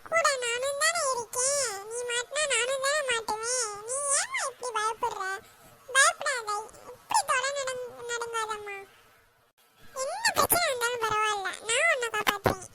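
A woman doing a squeaky, boastful cartoon daughter. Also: animated, normal speed, heavy background noise. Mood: reassuring. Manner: whiny, pleading, big boasts. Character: boastful, jumpy young adult daughter. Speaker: cartoon character.

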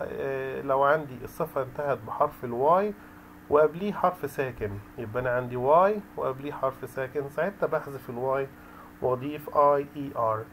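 A man's voice: a little high, a little hiss or hum, low-quality recording. A man with an Egyptian Arabic accent, an English tutor explaining grammar rules step by step, mixing in English terms with frequent hesitant fillers.

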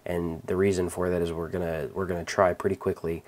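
A man hosting a let's-play, calmly talking through his moves with many ums and restarts. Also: low voice, fairly quick, slight background noise. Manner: relaxed, rambling, many fillers and restarts. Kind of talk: casual gameplay commentary.

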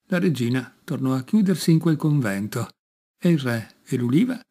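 A man reading a folk fairy tale aloud in an expressive, lively way. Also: mid-range voice, moderate pace. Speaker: reader. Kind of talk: storybook reading.

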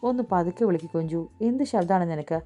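A woman voicing a scolding mother chiding a loud girl in a storybook reading. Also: on the low side, animated, quick pace, soft background music, lightly acted.

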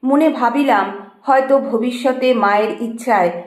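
A woman with a fairly high voice reads a devotional memoir slowly and reverently. Each line comes measured and unhurried, and the room gives her voice a roomy echo. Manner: slow, measured and reverent reading with quoted dialogue. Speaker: reader of a devotional text. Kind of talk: slow scripted reading of a memoir.

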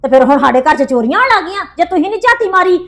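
A woman playing a shrill, wailing young wife. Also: very animated, racing, exaggerated voice. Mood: accusing. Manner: loud wailing complaints, repeated cries of distress. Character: furious young wife, wailing, accusing her mother-in-law of theft. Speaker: daughter-in-law in a family skit. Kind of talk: home-made family drama skit.

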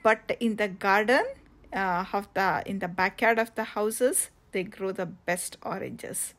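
Slow, halting woman vlogger. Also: medium pitch, a bit bright. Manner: slow, halting with many fillers and restarts. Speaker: travel vlogger. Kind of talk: casual travel vlog narration. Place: outdoors on coastal cliffs.

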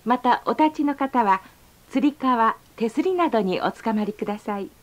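A woman reading a polite, formal onboard train announcement, slowing down to stretch out each station name. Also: fairly high pitch, expressive. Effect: recorded onboard train announcement. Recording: slightly dull lo-fi sound.

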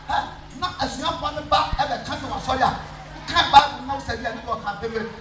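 A young man with a Ghanaian English accent preaching a sermon, swinging between loud calls and low asides as he moves about the stage. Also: a little fast, a loud crowd, very noisy. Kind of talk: sermon with call and response. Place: large church hall under a metal roof. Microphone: handheld microphone. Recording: echoey hall, far from the camera, music behind.

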